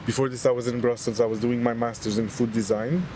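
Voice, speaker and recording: A thoughtful man in his thirties from Lebanon speaks as an interview guest, pausing often and choosing his words with care. His middle-pitched voice is recorded outside on a bench by the water, with clear traffic noise and passing vehicles around him. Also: level tone, mellow. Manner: reflective, hesitant with fillers, earnest. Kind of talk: casual interview conversation. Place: outdoor public bench by the water. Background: street traffic.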